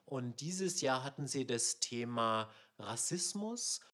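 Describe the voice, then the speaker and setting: A man's voice: mid-range voice, expressive, slow, bright, forceful tone. A man hosting a radio discussion, thinking aloud in a questioning way with some fillers. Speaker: radio show host.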